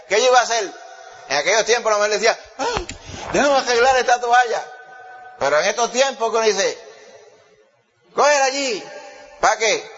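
A fairly high-voiced man preaches with folksy, lively energy. The sound is dull and lo-fi, with a long reverb trailing each phrase, as if he were in a large hall. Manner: lively, folksy, with homely examples and laughs. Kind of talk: sermon.

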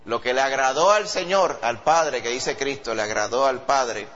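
A man preaching a sermon with a Puerto Rican accent, animated and acting out quoted voices. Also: normal speed. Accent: Puerto Rican Spanish. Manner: animated, acts out quoted voices in a high pitch. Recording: dull lo-fi sound.

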